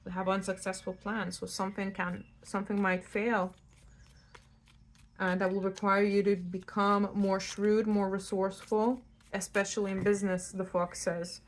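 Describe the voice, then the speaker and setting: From inside her new-build house, a woman from Lithuania hosts her tarot channel with an off-the-cuff reading. Her medium-pitched voice is flat and moderately paced as she speaks directly and bluntly to the viewer in a conversational tone.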